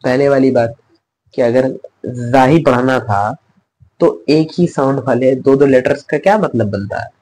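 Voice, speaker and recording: This Quran recitation teacher speaks at normal speed in a medium-pitched, somewhat mellow voice, captured with poor audio. In a patient classroom manner, he repeats every letter sound and asks the learner to repeat it.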